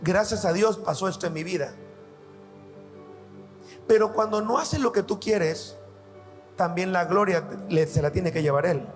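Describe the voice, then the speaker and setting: A man's voice: sits high, measured pace, long pauses, faint music behind. A man, a pastor preaching a sermon and telling personal stories in an earnest way. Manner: earnest storytelling, addresses listeners as "amado".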